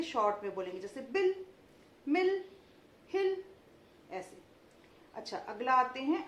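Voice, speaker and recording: Woman teacher sounding out words slowly. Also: on the high side. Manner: slow, syllable-by-syllable pronunciation for children. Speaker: Hindi teacher. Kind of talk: children's phonics lesson. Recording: echoey room with faint ambient noise.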